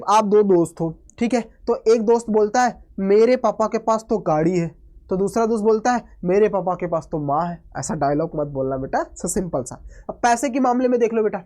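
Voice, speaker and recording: Though hoarse from a cold, this man stays energetic while teaching an online maths lesson for exam prep, his voice sitting high. He blends Hindi and English phrases and constantly checks on his students.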